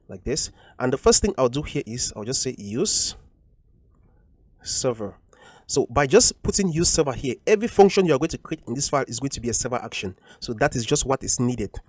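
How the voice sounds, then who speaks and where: A man's voice: mid-range voice, darkish tone, no echo. Patient man walking through code. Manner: explains patiently, repeating points with frequent ums. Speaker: coding tutorial instructor. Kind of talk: screen-recorded coding walkthrough.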